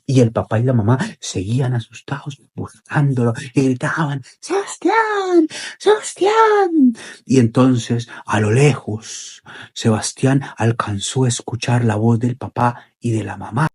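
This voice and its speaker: A man telling a children's story in an expressive, repetitive way with dramatic pauses. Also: mid-range voice, breathy edge.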